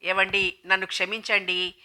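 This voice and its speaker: A frightened young wife pleads and protests against her husband's accusations in this storybook reading. A woman narrating the novel voices her. The voice is bright and sharp, with a desperate edge. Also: medium pitch, level tone, normal speed. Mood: pleading. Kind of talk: audiobook dialogue reading.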